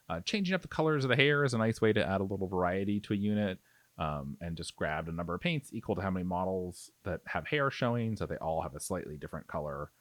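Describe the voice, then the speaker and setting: A man with a low voice hosts a miniature painting tutorial, narrating the hands-on work in a casual, conversational manner. There is no audible room sound.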